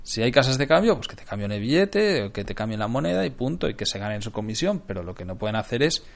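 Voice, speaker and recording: A young man from Barcelona, telling a story casually, animated and swearing freely. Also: medium pitch, fast, gravelly. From Barcelona, Spain.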